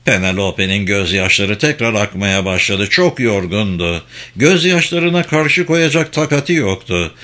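A man reading a novel aloud as an audiobook narrator, in a measured, even storytelling manner. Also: lowish voice. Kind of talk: scripted narration.

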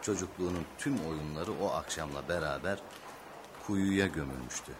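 A deep, calm storytelling father. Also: background noise. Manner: calm storyteller, slightly halting. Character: quiet middle-aged father telling his son a story. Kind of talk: radio play acting.

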